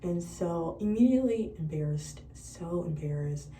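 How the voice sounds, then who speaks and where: This is a college-age woman with a lowish voice and a moderate pace, casually narrating her life to the camera and animatedly replaying conversations she's had. The recording picks up slight background noise, an echoey room, and a voice set a bit back from the mic.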